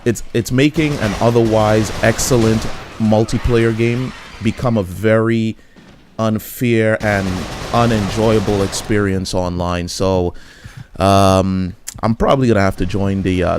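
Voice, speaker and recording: A man rambles casually as he comments on his own gameplay, frequently restarting sentences and using fillers. His voice is lowish and steady, with a measured pace, over a noisy background.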